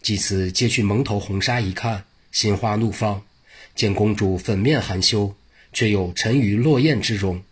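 A man narrating a traditional tale in a measured, classical style and addressing his listeners in asides. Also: lowish voice, slightly rough. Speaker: storyteller.

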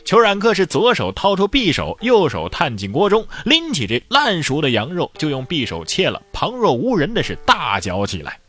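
A man telling an old tale in a lively, colloquial way, with playful asides. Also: fairly high pitch, normal speed, few pauses, soft background music. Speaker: storyteller. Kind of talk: animated oral storytelling.

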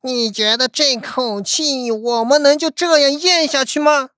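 A woman voicing a coarse, furious male village thug who shouts crude threats. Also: sits high, measured pace, no room sound, clean studio sound, voice pushed up. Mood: enraged.

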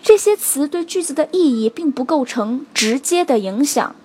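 A woman teaching a spoken English lesson, explaining stress rules clearly and stopping to check in with her students. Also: high-pitched, lively intonation, warm tone. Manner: explains slowly and clearly, stressing example words, checks in with "OK?" and "right?".

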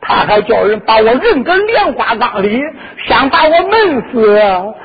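A man's voice: extremely high pitch, sing-song, measured pace, crowd noise, heavily acted. A man voicing a young courtier crying injustice. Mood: pleading. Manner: pleading, protesting. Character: young male courtier pleading his innocence. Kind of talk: traditional storytelling performance. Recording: dull lo-fi recording with instrument music.

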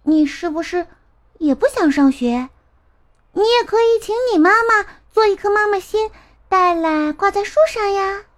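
A woman's voice: very high voice, lively intonation, unhurried, voice pushed up. A woman doing a bubbly little kid. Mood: chirpy. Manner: bubbly, childlike. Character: small excited child, cheerful and chatty. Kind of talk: storybook reading.

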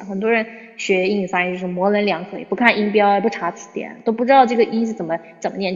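A woman English teacher talking bluntly in a casual livestream Q&A, reading out viewer questions and scolding a little. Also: mid-range voice. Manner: reads viewer questions aloud. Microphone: phone. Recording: dull lo-fi phone livestream with long reverb.

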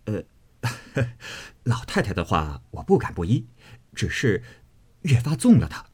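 A man voicing a meek, apologetic young nobleman who talks softly and ingratiatingly, in a husky voice. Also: fairly low pitch, unhurried. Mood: sheepish. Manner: meek, ingratiating, soft-spoken with chuckles.

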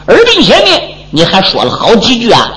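A man's voice: high voice, wildly swooping pitch, brisk, fairly bright tone, full character voice, poor audio. Man putting on a sly old landlord. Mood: wheedling. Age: older. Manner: placating, wheedling, protesting. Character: sly old male landlord, evasive, smooth-talking. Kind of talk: traditional storytelling performance. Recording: music playing behind.

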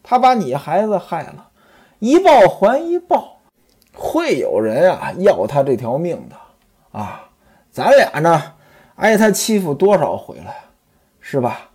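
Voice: medium pitch, darkish tone, breathy edge, heavily acted. A storyteller voicing a spiteful young concubine who complains bitterly in a storybook tale. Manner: bitter, gossiping.

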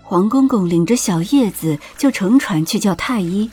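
A woman narrating a palace drama audiobook in a steady, expressive storytelling voice. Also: medium pitch, normal speed, faint music behind.

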